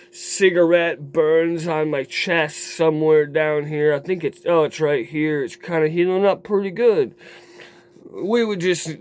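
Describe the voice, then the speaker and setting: A man telling a raw personal story to his camera in a rambling, profane way, dropping low and quiet, then flaring into heated outbursts. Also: smooth. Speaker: vlogger. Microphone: camera mic.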